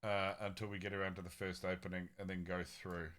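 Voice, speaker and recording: Brief: very deep male player, casual, thinking out loud about his moves. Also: flat delivery, a little fast. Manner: casual, planning moves aloud. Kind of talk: tabletop game chat.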